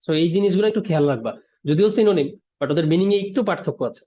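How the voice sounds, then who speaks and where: Fast, high-voiced teacher. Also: male voice, expressive, dark tone. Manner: explains word by word, mixing English terms, asks "ঠিক আছে?". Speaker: English teacher. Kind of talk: online class lecture. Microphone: video call. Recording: dull lo-fi online class audio.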